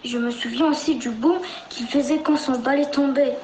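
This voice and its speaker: A woman's voice: high voice, steady tone, normal speed, darkish tone. A woman reading a children's story aloud as its narrator. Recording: roomy recording with faint noise.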